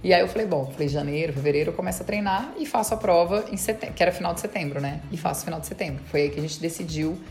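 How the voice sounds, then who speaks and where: Fast-talking woman telling her story. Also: fairly low pitch, darkish tone, faint music behind. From Brazil. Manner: fast, chatty retelling with quoted dialogue. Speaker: interview guest; dentist and marathon runner. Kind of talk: casual storytelling.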